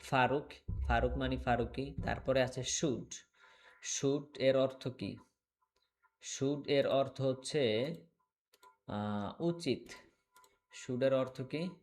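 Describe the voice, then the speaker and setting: A male teacher giving an online English lesson, taking his time over every word at an unhurried pace. He repeats himself patiently and keeps asking whether the class follows, with the clack of keyboard typing now and then behind him. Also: medium pitch, darkish tone. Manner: slow, repetitive, checks understanding often.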